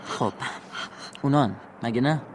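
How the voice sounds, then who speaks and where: A man plays a tough, protective man in an audio drama, speaking softly and reassuringly in a mid-pitched voice. There is a steady noise behind him. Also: natural voice. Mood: soothing. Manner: soothing, reassuring. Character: tough man calming his girlfriend, protective.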